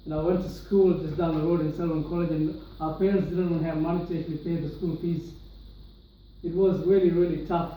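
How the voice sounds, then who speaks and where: In a muffled recording with slight hiss or hum, a young Sri Lankan man earnestly shares his testimony with an audience in a large room, his voice echoing through the hall from far off. He speaks fairly quickly in a fairly high, steady voice, with many restarts and fillers.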